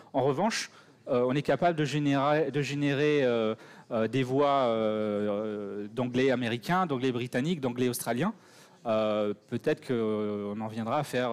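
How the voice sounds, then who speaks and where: Hesitant French man answering audience questions. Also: mid-range voice. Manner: hesitant, many fillers and restarts. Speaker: conference speaker. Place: conference hall.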